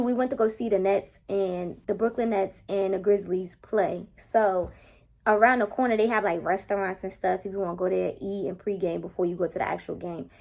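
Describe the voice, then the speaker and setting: A woman in her twenties telling a date story in a casual vlog, animated and exasperated, full of profanity and acted-out dialogue. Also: mid-range voice. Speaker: vlogger.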